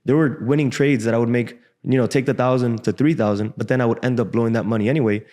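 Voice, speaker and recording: Young Cuban-born guy from Miami, casual and frank, slangy, studio boom mic. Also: steady tone, fast talker, dark tone. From Cuba, raised in Miami. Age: 20s. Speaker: guest trader. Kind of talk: casual interview storytelling. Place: podcast studio, indoors. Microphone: desk boom mic.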